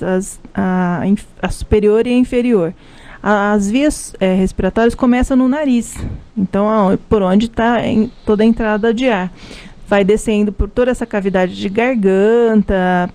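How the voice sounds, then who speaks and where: A Brazilian pharmacist with a Brazilian Portuguese accent speaks as a guest in a live radio interview, explaining health topics. Her voice is mid-range and mellow, and her explanations come with many restarts and fillers.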